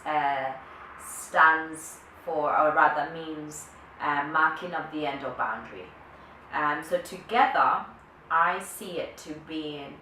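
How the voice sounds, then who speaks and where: Low, bright-voiced woman in echoey room. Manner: earnest, thinking aloud with restarts. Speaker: vlogger. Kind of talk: motivational talk to camera. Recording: echoey room, distant from mic, faint noise.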